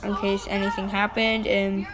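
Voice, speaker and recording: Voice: mid-range voice, completely flat delivery, normal speed, a crowd in the background, low-quality recording. A female-sounding voice giving informal, rambling vlog commentary over exploration footage, with mild swearing. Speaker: vlog narrator.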